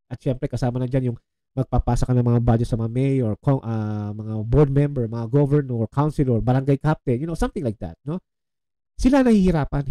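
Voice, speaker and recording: A man's voice: mid-range voice, dry recording, low-quality recording. A man in a casual political commentary vlog, mixing Tagalog and English as he talks straight to his viewers. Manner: animated, switches between Tagalog and English; addresses viewers as "mga chong".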